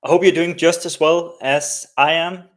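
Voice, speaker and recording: This Danish man hosts a live coding stream, chatting casually through a walkthrough and filling his talk with fillers and tag questions. His voice sits fairly high, with a steady tone and normal speed.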